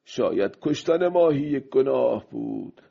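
An actor playing a weary, brooding old fisherman in a radio drama, musing to himself in a husky voice. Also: mid-range voice, expressive, dark tone, dull audio.

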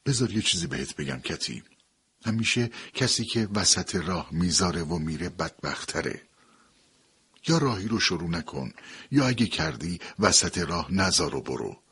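A man voicing a reserved, gruff aging father-in-law in an audio story, speaking in a terse, weary, measured way. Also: sits low, big pitch swings, a bit bright, heavily acted. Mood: soothing. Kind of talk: dramatic audiobook dialogue.

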